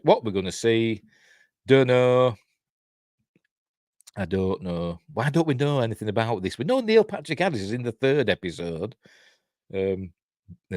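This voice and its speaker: A middle-aged man from Yorkshire, England, with a Yorkshire accent hosts a casual TV-review livestream on his channel, rambling and chatty with self-deprecating asides. His voice is fairly low, recorded cleanly in a studio without room sound.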